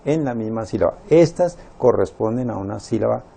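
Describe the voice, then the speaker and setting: A man teaching a Spanish lesson, slowly spelling out words syllable by syllable and counting them. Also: fairly low pitch, animated, creaky, dark tone, slight background noise. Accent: Latin American Spanish.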